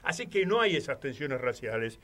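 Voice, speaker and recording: A man with an Argentine Spanish accent, a guest on a radio talk show, rambling through animated anecdotes. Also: medium pitch, a little fast. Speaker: guest commentator. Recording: studio radio microphone.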